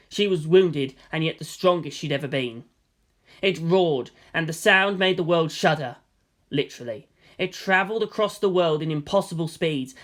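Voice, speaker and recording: With a mid-range, fairly bright voice, a narrator performs fan fiction as scripted drama, keeping the delivery theatrical and solemn.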